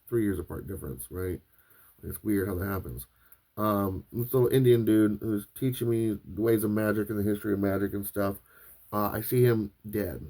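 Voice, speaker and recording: A man's voice: on the low side, a little mellow. A man hosting a podcast, telling a long personal story in a loose, rambling way with frequent restarts and filler words. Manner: rambling, restarts often, many fillers like "like" and "right". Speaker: podcast host. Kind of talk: casual storytelling monologue.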